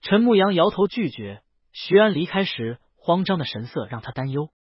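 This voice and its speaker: A man narrating an audiobook reads a scripted story at moderate speed, his husky, somewhat high voice full of lively intonation. The close, dry recording is a bit muffled and has no echo.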